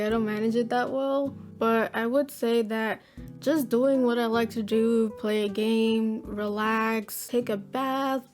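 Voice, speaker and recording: A young woman in her twenties with a fairly high voice, talking to her viewers in a relaxed Q&A vlog. She is chatty, upbeat and full of slang. Soft music plays faintly behind her. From Florida, USA. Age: 20s. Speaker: gaming YouTuber. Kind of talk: casual Q&A vlog. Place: at home at her computer.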